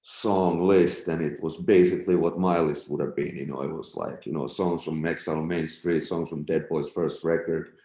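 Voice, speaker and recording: A man's voice: very deep voice, fairly even intonation, moderate pace, hardly any pauses, warm tone. A middle-aged man and guest musician, laid-back and swearing freely as he tells stories and acts out quotes. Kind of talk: casual interview storytelling. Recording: roomy echo.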